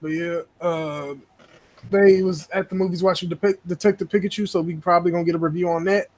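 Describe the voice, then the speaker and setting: A young man hosting a gaming podcast, talking loosely and profanely, telling animated stories. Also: high-pitched, fairly quick, a little hiss or hum. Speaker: podcast host. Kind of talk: casual gaming podcast chat.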